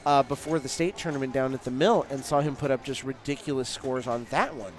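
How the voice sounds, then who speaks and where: In a brisk, medium-pitched voice, the man commentates on a live tournament play by play, analyzing in long explanatory stretches peppered with fillers.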